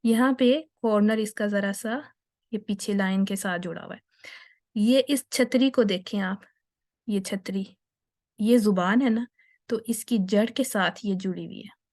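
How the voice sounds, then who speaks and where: A young woman teaches tajweed in an online class, with a voice of middle pitch. She explains step by step and patiently, slipping English terms into her talk. She sounds out letters slowly so learners can copy them. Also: darkish tone. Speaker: Quran recitation teacher.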